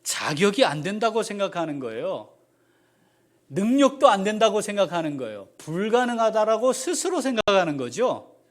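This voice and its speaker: A man, the pastor, preaching a sermon with animated delivery, jumping from loud exclamations to quiet asides and questioning the congregation. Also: high-pitched, moderate pace.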